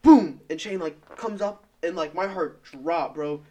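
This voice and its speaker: A young man chatting with friends, animated and swearing freely as he tells stories. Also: a little high, unhurried. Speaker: podcast co-host. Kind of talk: casual chat.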